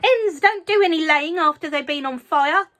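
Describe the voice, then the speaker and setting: A shrill, bossy old grandmother bellowing down from a rooftop, as a woman reader puts her on. Her voice sits high and swoops widely as she scolds. She sounds scornful and loud at every turn. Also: lively intonation, moderate pace. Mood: shouting.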